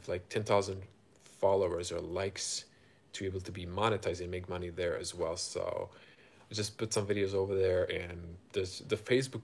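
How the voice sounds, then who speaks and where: A deep-voiced Croatian man with a Croatian accent works as a car reviewer on a live stream. He chats casually and unscripted with viewers, halting and thinking aloud as he goes.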